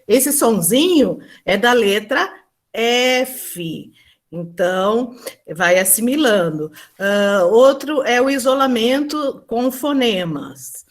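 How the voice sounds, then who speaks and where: At an online teaching symposium, a woman with a fairly high pitch and lively intonation presents her classroom experience. She speaks hesitantly, full of fillers and restarts, and acts out slow lines for both teacher and pupil.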